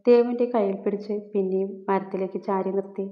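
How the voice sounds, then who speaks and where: A woman narrating a romantic story aloud in a steady, even reading voice. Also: medium pitch, fast talker. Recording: roomy, dull lo-fi sound.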